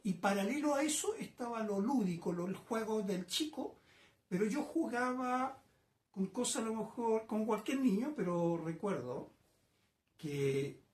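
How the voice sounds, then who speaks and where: A man in his sixties with a Chilean accent, a painter recalling his childhood in a reflective, hesitant way, often pausing and adding tag questions. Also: high voice, a little mellow, reverberant. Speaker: painter being interviewed. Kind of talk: casual reminiscing interview. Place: his home painting workshop.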